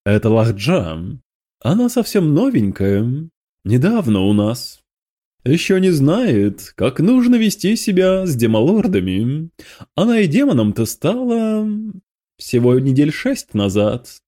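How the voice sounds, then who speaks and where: Man as a soft-spoken, slow servant, placating, audiobook. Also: on the high side, wildly swooping pitch, heavily acted. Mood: soothing. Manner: quiet, placating. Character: soothing male servant, calm and deferential.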